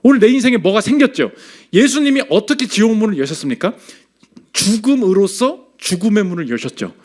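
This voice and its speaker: A male pastor preaching a sermon, emphatic and full of rhetorical questions, swinging from loud urgency to hushed storytelling. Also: sits high, sing-song, brisk.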